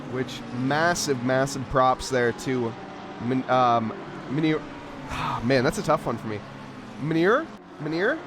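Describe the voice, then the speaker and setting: A man giving casual, animated play-by-play commentary on a live race. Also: a little high. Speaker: sim racing commentator. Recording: clear engine and car noise behind. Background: race car sounds.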